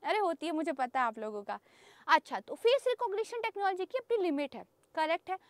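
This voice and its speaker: A woman's voice: very high voice, animated, brisk, dry recording. A woman teacher giving a chatty exam-prep lecture, mixing in English terms and often checking in with her students. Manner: mixes English terms into explanations.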